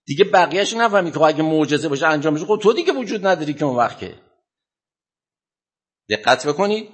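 A man preaching a sermon, retelling a religious story dramatically with sudden loud bursts. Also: fairly high pitch, expressive, husky.

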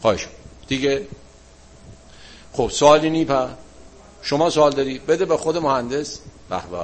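A man teaching a religion class, answering students' questions in a relaxed, colloquial way and leaning on everyday examples. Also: medium pitch. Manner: closes with a chanted-style supplication.

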